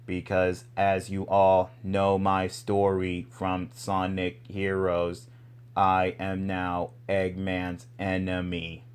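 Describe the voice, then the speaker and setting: A man's voice: deep voice, monotone, takes it slowly, clean tone, voice pushed down. A man voicing a formal, stiff male combat robot that speaks literally, for a fan character role-play.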